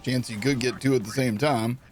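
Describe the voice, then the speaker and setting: A man's voice: mid-range voice, steady tone, fairly quick. A man streaming a video game, chatting playfully with his viewers and joking while he plays. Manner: playful, jokey, reads chat aloud. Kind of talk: casual gameplay commentary.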